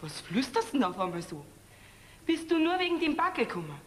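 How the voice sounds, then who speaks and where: A young actress with a Bavarian accent playing a sharp, reproachful farmer's daughter in a folk theater comedy. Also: female voice, high-pitched, big pitch swings, a little fast. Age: young adult. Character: fiery young farm girl, quarreling with her fiancé. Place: theater stage. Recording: echoey theater hall with faint noise.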